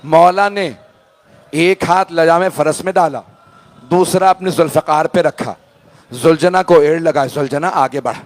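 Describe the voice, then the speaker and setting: A male cleric delivers an impassioned mourning sermon in a high voice. He speaks slowly and with deep feeling, stopping often to address the gathering directly.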